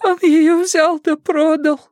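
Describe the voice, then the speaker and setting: A man's voice: flat delivery, darkish tone, no echo, clean studio sound. A man doing a sobbing frightened young woman. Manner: high, slow, wavering.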